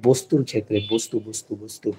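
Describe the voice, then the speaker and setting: A man's voice: on the low side, steady tone, a little fast, crowd noise. A man teaching an Arabic class in Bengali, patiently repeating words so students can take notes. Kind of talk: online class lesson.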